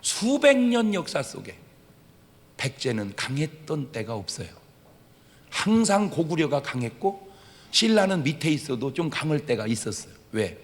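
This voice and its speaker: A man's voice: fairly high pitch, normal speed. A middle-aged man with a Chungcheong accent preaching a humorous Sunday sermon, acting out conversations in regional dialects. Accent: Chungcheong Korean. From Chungcheong, Korea. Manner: animated storytelling, acting out dialogue and dialects for laughs. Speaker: pastor. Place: church sanctuary. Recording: reverberant church hall.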